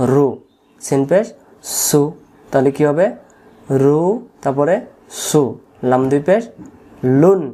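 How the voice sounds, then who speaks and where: A man with a Bangladeshi Bengali accent teaching Quran recitation, slowly repeating each letter sound for learners to copy. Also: on the high side, dark tone. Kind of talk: tajweed lesson.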